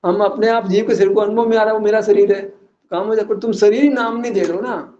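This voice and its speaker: High-voiced man giving a teasing discourse. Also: fairly even intonation, fast talker, warm tone, lo-fi sound. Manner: teasing, rhetorical questions, laughs at points. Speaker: religious teacher. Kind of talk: Jain philosophical discourse.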